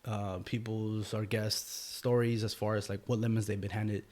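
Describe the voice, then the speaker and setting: A man's voice: lowish voice, flat delivery, normal speed, a little mellow. A man hosting a podcast interview in a guest's home, talking in a laid-back way with lots of fillers. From Mexican heritage. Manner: laid-back, filler-heavy, says "you know" a lot. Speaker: podcast host. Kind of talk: casual interview chat.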